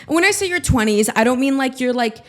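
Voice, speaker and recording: A woman in her twenties with a high, expressive and slightly bright voice talks fast, hosting her own podcast as a casual solo monologue. She rants in a scattered, self-mocking way and swears freely.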